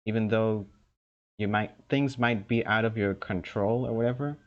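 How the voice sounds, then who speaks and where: A young man co-hosting a casual podcast chat, talking slowly with many ums and restarts. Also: lowish voice. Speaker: podcast co-host. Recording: dull lo-fi sound.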